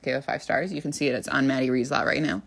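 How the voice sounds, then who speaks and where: A young woman co-hosting a casual book podcast, chatty and quick to laugh. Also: extremely low pitch, steady tone, gravelly, slightly rough. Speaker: podcast co-host. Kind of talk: casual chat about books.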